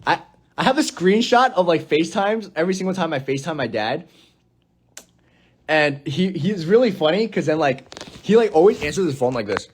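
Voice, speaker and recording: A man's voice: fairly high pitch, animated, moderate pace, husky. A young man chatting casually on a phone livestream, playful and giggly. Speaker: livestream host.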